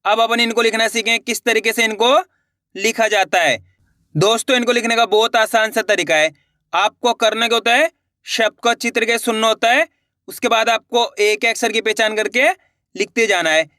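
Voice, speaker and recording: A man's voice: sits high, steady tone, normal speed, bright, forceful tone, no room sound, studio quality. A man teaching Hindi reading, sounding out each letter and then blending it into the word, and checking with his viewers that they follow. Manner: addresses viewers as friends, asks if it is clear. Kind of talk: slow syllable-by-syllable reading lesson.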